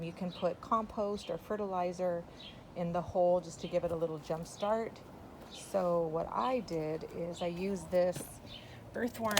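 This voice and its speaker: Low-voiced woman chatting through a garden tour. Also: noisy background. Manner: chatty and enthusiastic, exclaiming in amazement. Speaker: gardening vlogger. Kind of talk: casual garden tour vlog. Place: outdoors in a backyard raised bed garden.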